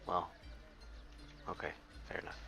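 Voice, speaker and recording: A man playing a character in a tabletop game, rambling and halting with repeated words. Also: music in the background. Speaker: player. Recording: dull lo-fi audio.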